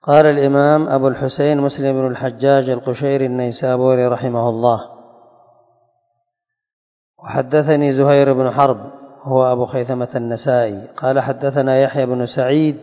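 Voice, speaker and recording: Man teaching a hadith lesson in a hall. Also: medium pitch. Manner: reads a chain of narrators, then explains slowly and deliberately; questions his students. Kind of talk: religious lesson reading and explaining hadith. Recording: dull echoey hall recording.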